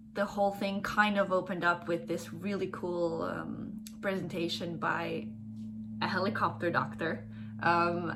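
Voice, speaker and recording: A woman's voice: on the low side, a bit bright, slight background noise, rough recording. A woman in her twenties chatting casually to a vlog audience, explaining things informally as she goes. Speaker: vlogger, first-year medical student.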